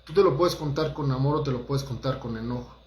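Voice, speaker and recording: A man with a medium-pitched voice talks fairly quickly in a roomy-sounding space. He's a holistic therapist giving a conversational motivational talk, addressing his listeners directly and acting out quotes.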